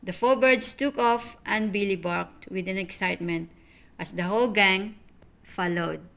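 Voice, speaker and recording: A woman narrating a children's storybook in a gentle, unhurried manner. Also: medium pitch, creaky.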